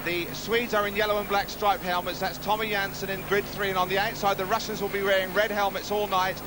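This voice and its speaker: A man's voice: high voice, flat delivery, a little fast, noisy background. A man presenting and commentating on live speedway in punchy, colourful broadcast patter. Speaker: television sports commentator. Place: outdoor stadium commentary position. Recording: 1970s outdoor stadium TV broadcast.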